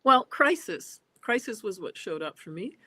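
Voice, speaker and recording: A woman in her sixties speaks as an interview guest over a video call. She talks thoughtfully and keeps pausing on small hesitant fillers. Her voice sits at an ordinary pitch for a woman. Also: sing-song, sharp tone, husky, dry recording. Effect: heard over a video call. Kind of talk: reflective interview talk. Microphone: computer on a video call.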